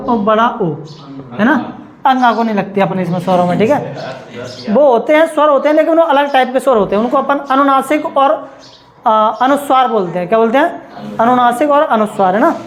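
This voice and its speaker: A man's voice: very high-pitched, normal speed, long pauses, rough recording. A male teacher giving a classroom lecture, sure of himself and emphatic, often checking in with his students. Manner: emphatic, keeps asking "ठीक है?" to check with students; self-assured, insists others taught it wrong.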